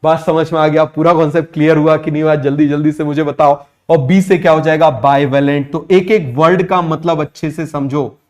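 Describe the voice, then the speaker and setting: A man teaching biology in a fast exam-prep lecture, firing quick questions at students and repeating key terms slowly, mixing with terms. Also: a little high, steady tone. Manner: rapid, drilling questions, repeats answers slowly.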